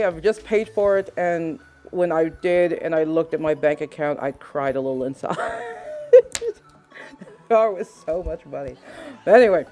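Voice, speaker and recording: A woman hosting a casual unboxing vlog, chatty and rambling with frequent giggles, her voice a little rough from being under the weather. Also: on the low side, a little mellow. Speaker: host.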